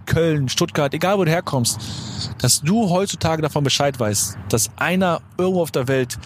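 Young male podcast host, rambling, slangy, a bit high-voiced, out on the street with clear traffic noise. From Germany. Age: 20s. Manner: rambling, slangy, self-correcting. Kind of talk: casual motivational monologue. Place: outdoors on a street near a supermarket.

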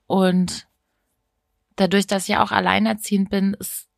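A woman's voice: medium pitch, level tone, normal speed, creaky. A woman in casual podcast chat who weighs her words and then states her views firmly. Her voice sits in a mid range. The sound is close and dry, with no room echo. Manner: reflective, firm and opinionated. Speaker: podcast co-host.

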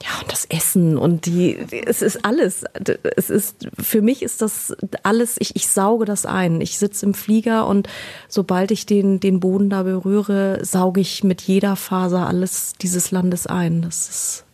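A woman's voice: mid-range voice, steady tone, unhurried, dark tone. A woman in her thirties from Germany, answering interview questions in an earnest way, with many hesitations and repeated words. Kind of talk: personal interview.

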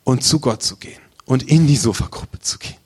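A man's voice: medium pitch, a little fast, a little mellow, breathy edge. A man preaching, telling his own faith story earnestly and intimately, at times dropping to a near whisper. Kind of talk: testimony sermon.

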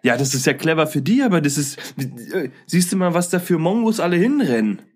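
A man's voice: a little high, very animated, a little fast. A young man co-hosting a podcast, talking bluntly and crudely in casual chat. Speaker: podcast co-host.

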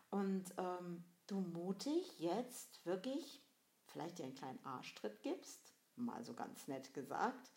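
A woman's voice: on the low side, darkish tone. A woman giving a reflective motivational monologue, asking the listener direct questions in a conversational way with frequent fillers. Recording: roomy echo.

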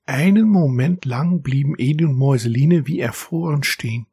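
A man narrating a children's story in a gentle, even storytelling manner. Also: mid-range voice, normal speed, husky, no room sound, clean studio sound.

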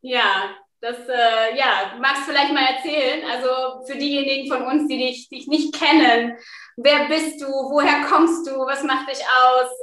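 A woman's voice: high-pitched, fairly even intonation, unhurried, a bit bright. Female podcast host, hesitant delivery, recorded in a roomy space. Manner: hesitant, many fillers. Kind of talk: podcast interview.

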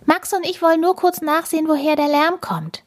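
A woman's voice: steady tone, fairly quick, close to an everyday voice. A woman voicing an eager five-year-old girl in a children's storybook reading. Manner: eager, high and bright.

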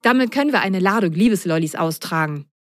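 A woman voicing a lively, mischievous young girl in a storybook reading, excited and bubbly. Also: on the low side, quick pace, no room sound, clean studio sound, lightly acted.

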